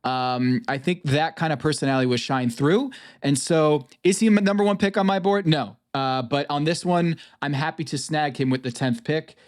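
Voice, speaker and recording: A man's voice: fairly high pitch, normal speed, few pauses. A man from New England hosting a podcast, talking through draft picks casually with frequent ums. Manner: hesitant, frequent ums and uhs. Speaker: podcast host. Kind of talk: casual chat, fantasy draft analysis.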